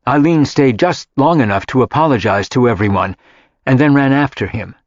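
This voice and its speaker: A man narrating a contemporary drama audiobook in a steady storytelling voice. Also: mid-range voice, moderate pace, dry recording, dull audio. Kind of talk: scripted narration.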